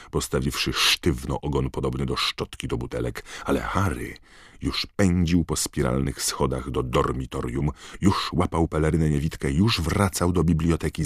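Very deep husky male storyteller. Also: dry recording, clean studio sound. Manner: expressive, dramatic reading. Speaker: audiobook reader. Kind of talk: storybook narration.

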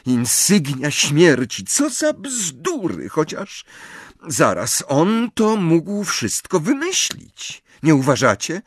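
A high, fretful teenage girl witch who is quick to argue and sure of her own reasoning, as a man reading the book puts her on. The pitch swings widely from line to line. The recording is close and dry, with no room sound. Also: huge pitch swings, husky, no room sound, full character voice. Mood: scornful. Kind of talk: audiobook reading.

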